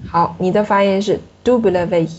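Husky woman teaching pronunciation. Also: mid-range voice, fairly quick, a little mellow, highs cut off. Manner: patient, questioning, drills the student. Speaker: French teacher. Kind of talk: classroom pronunciation lesson.

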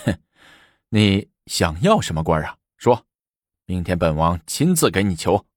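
An arrogant prince from a spoken historical tale, boasting and bullying in a loud, haughty voice pitched above the reader's own, as a man puts him on. The voice sits close and dry. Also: big pitch swings, a little slow, no echo, full character voice.

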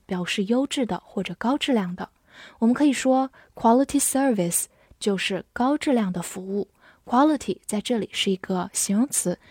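A woman teaching English vocabulary to Chinese learners, spelling each word letter by letter and reading the example sentences slowly. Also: on the high side, no echo, studio quality. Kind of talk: scripted vocabulary lesson.

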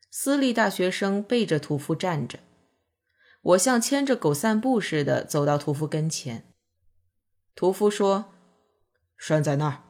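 A woman narrating a novel as an audiobook, in calm, measured storytelling. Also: lowish voice.

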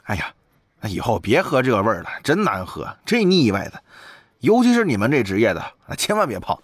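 A woman's voice: rumbling low, very animated, fairly quick, slightly rough, pitched below the performer's own voice, full character voice. A woman voicing a lazy, shameless female company boss in an audio novel, in an offhand drawl.

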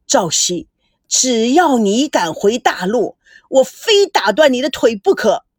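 A man's voice: very high voice, animated, normal speed, slightly rough, dry recording, clean studio sound, exaggerated voice. A woman doing a furious chairman in his fifties. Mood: enraged. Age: 50s. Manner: shouting, threatening. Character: furious middle-aged male company chairman.

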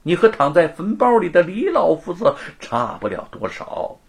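A man voicing a gloating, sneering young rich lord who taunts and cackles in a high, shrill voice. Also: huge pitch swings, takes it slowly, fairly bright tone, husky, heavily acted. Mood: scornful.

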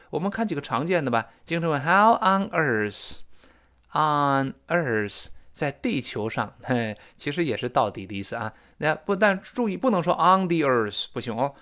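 A man's voice: on the high side, a bit bright. A middle-aged man, a native Chinese speaker, teaching a spoken English lesson and repeating phrases for drill.

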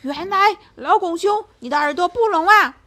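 A woman voicing a fierce, hungry male circus lion, roaring in slow, drawn-out shouts. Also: high-pitched. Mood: angry.

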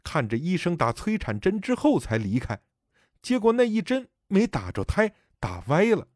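A man voicing the grieving spirit of a dead elderly mother, speaking softly and sorrowfully. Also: high-pitched, wildly swooping pitch, normal speed, no room sound, studio quality. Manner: soft, sorrowful pleading.

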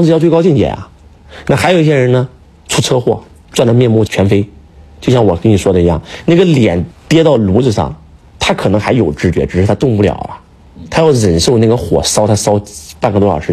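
Husky, fast-talking man lecturing emphatically. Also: lowish voice, lively intonation, mellow. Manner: emphatic, lecturing, rhetorical questions. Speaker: speaker, teacher. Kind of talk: casual preaching chat.

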